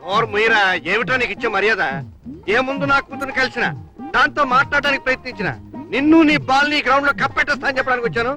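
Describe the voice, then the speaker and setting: A man's voice: very high voice, racing, pushed and bright, soft background music, exaggerated voice. An actor playing a scheming, blustering middle-aged father in a comic film role, who keeps repeating a pet word. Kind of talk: 1970s Telugu film acting.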